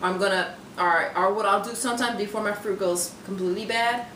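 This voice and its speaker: In her home kitchen, a young woman who vlogs about fitness talks loosely about meal prep, restarting often and leaning on fillers. Her medium-pitched voice is steady, fairly quick, and a bit bright. Audio comes from a camera on the counter several feet away and sounds roomy, far off, and noisy.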